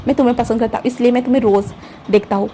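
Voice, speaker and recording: A calm, lovestruck young man in a fan fiction story, speaking softly and evenly but refusing to back down, as a woman puts him on. The voice sits high, with a mellow tone. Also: rapid-fire, a little hiss or hum, close to an everyday voice. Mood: insistent. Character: calm, smitten young man, persistent admirer.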